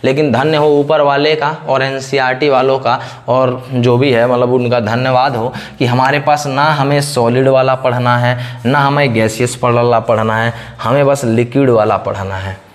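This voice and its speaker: A man's voice: medium pitch, fairly even intonation, normal speed. A man teaching a chemistry lecture in Hindi. He asks questions and then answers them himself, repeating the same pattern. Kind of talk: classroom lecture.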